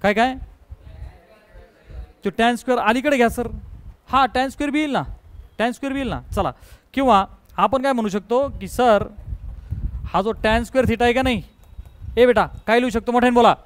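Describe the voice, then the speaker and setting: High-voiced man drilling a math class. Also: a little fast, pauses often, rough recording. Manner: drills students with call-and-response questions; mixes English math terms into speech. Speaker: math teacher. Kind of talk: classroom lecture.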